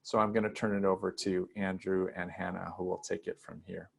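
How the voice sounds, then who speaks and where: A man's voice: sits low, flat delivery, brisk, vocal fry. A man hosting an online event, handing over to the interviewers with hesitant, filler-laden speech over a video call. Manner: hesitant, filler-heavy handover. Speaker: host introducing a guest. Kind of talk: event introduction.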